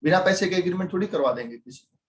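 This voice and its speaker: A man's voice: sits high, animated, rapid-fire, reverberant, low-quality recording. A man with an Indian accent teaching a CMA class online. He explains points through everyday role-play examples and keeps putting questions to his students.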